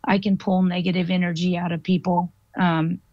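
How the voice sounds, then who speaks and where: A woman, a guest paranormal investigator, telling a story in an animated, chatty way with lots of fillers. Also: lowish voice, moderate pace, dry recording. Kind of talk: casual storytelling interview. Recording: dull lo-fi dry audio.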